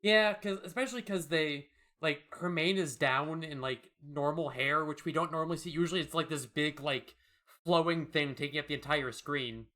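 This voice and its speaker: In a casual chat, a male co-host describes a comic. His voice is bright, forward and slightly high for a man, and his delivery is loose, halting and agreeable.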